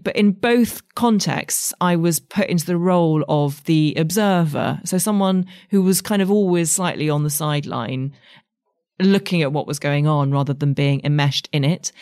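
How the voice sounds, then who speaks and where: In a reflective interview, an English woman in her forties who writes for a living answers thoughtfully and candidly in an English accent. Her voice is low-pitched with a darkish tone, recorded in a studio with no echo.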